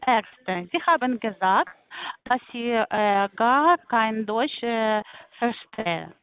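A woman with a non-native German accent, working as a call center agent, speaking haltingly with many fillers. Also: fairly high pitch, expressive, clear, resonant tone. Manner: halting, hesitant, many fillers and repeated words. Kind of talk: phone sales call. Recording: tinny phone line.

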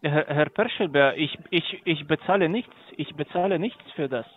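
A man heard over a tinny phone line, speaking German, which is not his first language. He talks in a halting way and often repeats his words. His voice sits fairly high. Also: slightly rough. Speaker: prank call target. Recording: narrow phone-line sound.

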